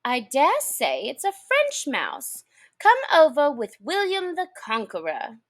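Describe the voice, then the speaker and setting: A polite, chatty little girl from a storybook, voiced by a woman. The voice sits very high with a lilting, animated melody. She is eager and apologetic, rambling on in an unhurried way. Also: full character voice. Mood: puzzled, polite. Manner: apologetic, soothing, dreamy rambling. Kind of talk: storybook character voice.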